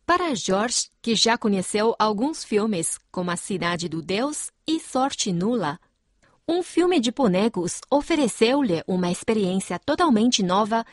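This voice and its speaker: A woman narrating a news report in an even, measured reading voice. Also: medium pitch, no room sound, studio quality.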